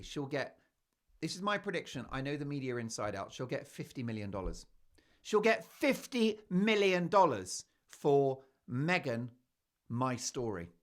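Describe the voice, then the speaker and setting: A man hosting a talk show, delivering emphatic, opinionated commentary with playful mocking asides. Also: medium pitch. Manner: emphatic, animated, keeps asking "right?". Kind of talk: opinionated news commentary monologue.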